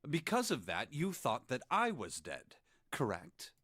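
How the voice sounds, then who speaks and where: A man voicing a composed, polite blind gentleman in a video game, speaking in a formal, precise way. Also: medium pitch, huge pitch swings, a little slow, slightly rough, no room sound, studio quality, exaggerated voice. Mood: calm.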